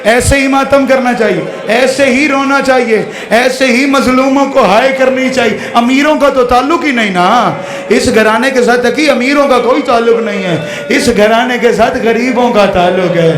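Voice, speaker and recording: Man, Punjabi accent, very high voice, emotional wailing recitation, echoey hall. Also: normal speed. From Pakistan. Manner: emotional, calls out to the crowd, wailing cries. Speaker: zakir reciting at a majlis. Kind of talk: impassioned mourning recitation. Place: mourning gathering.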